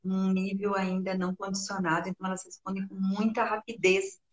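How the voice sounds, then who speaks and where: Brazilian woman co-hosting a live, gentle, asks questions. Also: mid-range voice, flat delivery, brisk, highs cut off. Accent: Brazilian Portuguese. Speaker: live co-host. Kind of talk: casual live chat.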